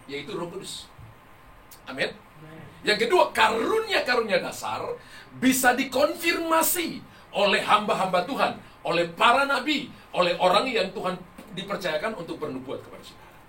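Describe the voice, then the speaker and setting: A man preaching a sermon as a pastor, emphatic and rising loud on key words, and telling stories with quoted dialogue. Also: sits high, big pitch swings, normal speed, slight background noise. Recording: echoey hall, voice from far off the mic.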